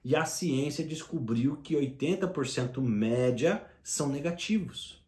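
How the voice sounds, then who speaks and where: A man's voice: medium pitch, expressive, measured pace, darkish tone, echoey room. A man giving an emphatic motivational talk, speaking straight to the listener and asking rhetorical questions.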